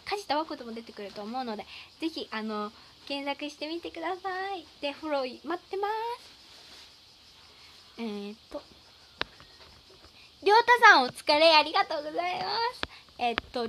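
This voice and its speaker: A woman's voice: high voice, a bit bright, a little hiss or hum. A teenage girl chatting on a live stream, reading out fan names and thanking viewers in a playful, chatty way, recorded indoors at home. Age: teens. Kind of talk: casual live stream chat.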